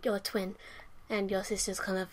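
A woman's voice: mid-range voice, little pitch movement, normal speed. A young woman playing a horror game alone at home, commenting casually, jumpy and swearing as she panics. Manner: jumpy, swears a lot, panics and repeats herself. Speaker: let's play host. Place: her room at home. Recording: noisy home recording with buzz.

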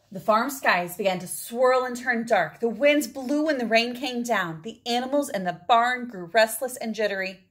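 Pitched on the high side with a fairly bright tone, a woman in her forties reads aloud from a picture book to children. Indoors in a small home room, she draws out words for effect and chats to her listeners in asides.

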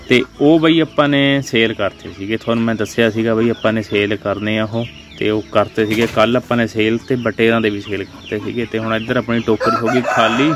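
On a noisy poultry farm full of clucking chickens and birds, a young Indian man with a Punjabi accent films an informal vlog on his phone. He chats with viewers as friends while touring the sheds and yard, his voice sitting in the mid range.

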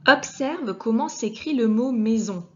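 A woman teacher giving a clear reading lesson to young children, speaking to the child directly and sounding out each letter with care. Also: fairly high pitch, animated, dark tone, muffled recording, a little hiss or hum. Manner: patient, addresses the child directly, deliberately articulated sounds. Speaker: primary school teacher.

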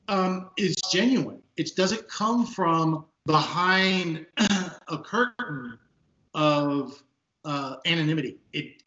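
Seated at a desk in his office, a fifties-aged police sergeant from Texas talks as an interview guest over a video call. His big, booming, fairly bright voice is earnest and emphatic, doubling up words when he presses a point, while the call audio is dull and echoey.

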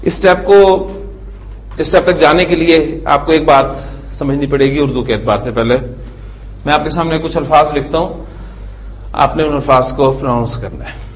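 Man teaching Arabic grammar, slow drills. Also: a little high, rough recording. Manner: drills word forms slowly, syllable by syllable; asks the class checking questions. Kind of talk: classroom grammar lecture.

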